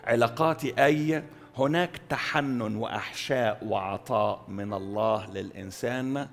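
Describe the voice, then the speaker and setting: Man, Egyptian accent, church sermon, middle-pitched voice, loud emphases then soft trailing endings, faint music underneath. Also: creaky. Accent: Egyptian Arabic. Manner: emphatic, swings between loud stresses and soft drawn-out endings; repeats key words for stress. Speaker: pastor. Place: church hall.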